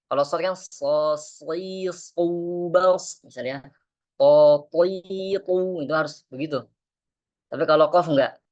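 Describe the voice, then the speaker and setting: A man's voice: medium pitch, highs cut off. Patient man teaching Quran recitation. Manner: patient, explains then recites verses slowly in melodic chant. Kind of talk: online tajwid class.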